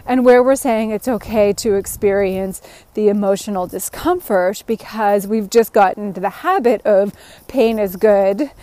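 A woman talking into her phone while walking a trail outdoors, reflecting earnestly and laughing softly now and then. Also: medium pitch, moderate pace. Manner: earnest, musing, with frequent soft laughs. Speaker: podcast host. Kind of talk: reflective walk-and-talk monologue. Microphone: phone held while walking.

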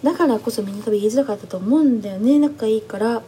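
A young woman chatting excitedly as she recaps a reality show, animated and acting out what people said. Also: a little high, racing, a little hiss or hum. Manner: gushing, animated, acts out quotes. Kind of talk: excited casual recap chat.

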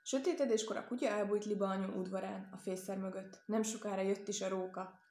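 A woman reads a children's tale aloud, steady and expressive, her voice mid-pitched. The recording carries a clear room echo. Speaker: reader. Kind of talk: storybook narration.

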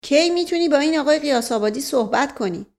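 A middle-aged nobleman speaks gently and persuasively, with a teasing edge, as a woman reads him. The voice stays fairly high and soft. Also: animated. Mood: coaxing.

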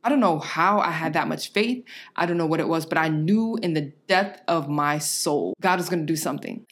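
A young woman casually telling a faith testimony as a podcast co-host, earnest and full of "like" and "literally". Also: deep voice. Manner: earnest storytelling, heavy use of "like" and "literally".

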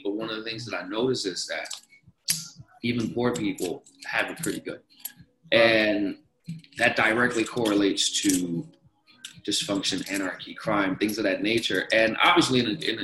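On a podcast, a young man from Denmark chats casually about investing in a slightly bright voice on the low side. He rambles, keeps restarting sentences and repeating words, and the audio is poor and reverberant.

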